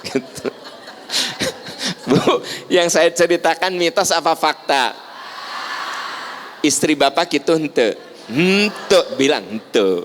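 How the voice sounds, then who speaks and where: A man's voice: on the high side, animated, takes it slowly, a bit bright, a little hiss or hum. A man with a Sundanese accent giving a religious lecture, acting out family scenes with playful humor. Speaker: preacher.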